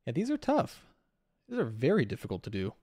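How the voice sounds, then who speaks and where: A man's voice: mid-range voice, huge pitch swings, fairly quick, warm tone, no echo, clean studio sound. A man hosting a gaming video, giving casual, off-the-cuff commentary as he plays. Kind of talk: casual let's-play commentary.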